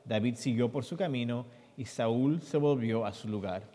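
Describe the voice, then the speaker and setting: A man interpreting a sermon and reading scripture. He reads expressively and his voice jumps high in the quoted questions. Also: moderate pace, mellow. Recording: long hall reverb.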